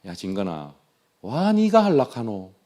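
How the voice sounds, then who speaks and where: A man voicing a blunt, gruff Lord who scolds in rough Gyeongsang dialect. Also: mid-range voice, huge pitch swings, unhurried. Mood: scolding. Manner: loud rough dialect rebuke.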